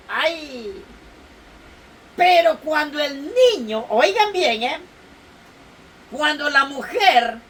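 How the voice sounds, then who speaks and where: A woman's voice: high-pitched, a bit bright. A woman preaching an emotional sermon, reading scripture aloud with tearful sighs and fervent exclamations. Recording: distant mic with faint room noise.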